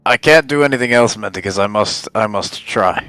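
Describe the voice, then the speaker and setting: A man's voice: fairly low pitch, normal speed, pushed and bright, clean tone, dry recording, studio quality. A man talking casually as a player in a tabletop game.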